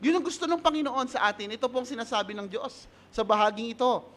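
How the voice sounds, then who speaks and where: A man's voice: very high voice, fast, fairly bright tone. A man with a Filipino accent preaching a sermon, switching between Tagalog and English, asking the congregation questions and laughing at his own stories. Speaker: pastor.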